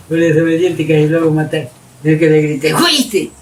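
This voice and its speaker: A man tells stories from his own life in a lively, casual way, acting out his own shouts. His voice sits a little high. He is recorded from a distance with loud noise and dogs barking behind him. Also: moderate pace. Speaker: storyteller interviewee. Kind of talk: casual oral-history storytelling.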